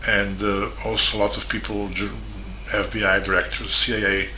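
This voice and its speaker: Halting Serbian-accented man, bright tone. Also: on the low side, flat delivery, a little hiss or hum. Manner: halting, with many fillers and restarts. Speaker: journalist. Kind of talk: spoken statement. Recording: echoey room with faint ambience.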